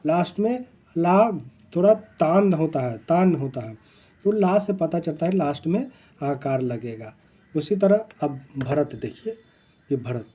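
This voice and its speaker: A man teaching spelling in a lesson, repeating each word slowly to drill its pronunciation. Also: fairly high pitch, slightly rough, dull audio.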